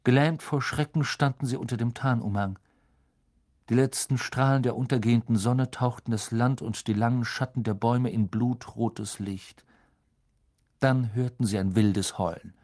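A man narrating a children's fantasy novel in a dramatic, expressive storytelling manner. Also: medium pitch, normal speed. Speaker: audiobook narrator. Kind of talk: scripted narration.

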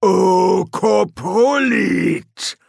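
A man doing a slow rumbling troll recruit. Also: vocal fry, darkish tone, breathy edge, dry recording, clean studio sound, exaggerated voice. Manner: slow rumbling grumble, scrambled word order. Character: huge slow-witted male troll recruit.

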